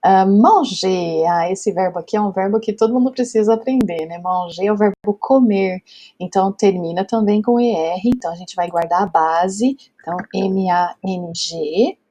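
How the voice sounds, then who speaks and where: A woman's voice: mid-range voice, normal speed, mellow. A Brazilian woman teaching French grammar step by step, patient, checking in often with her students. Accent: Brazilian Portuguese. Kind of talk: whiteboard grammar lesson.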